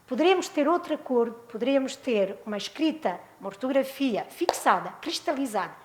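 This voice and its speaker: Portuguese lady lecturing, high voice, lots of rhetorical questions, echoey room. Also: a little fast, background noise. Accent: European Portuguese. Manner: animated, asks rhetorical questions. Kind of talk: illustrated talk on spelling.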